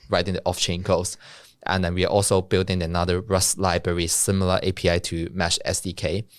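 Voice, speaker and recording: A young man from Hong Kong, a native Cantonese speaker with a Hong Kong accent, talks about his work as a software developer and co-founder while being interviewed as a guest. He's casual and self-deprecating, laughing often, in a low-pitched voice on a dry recording.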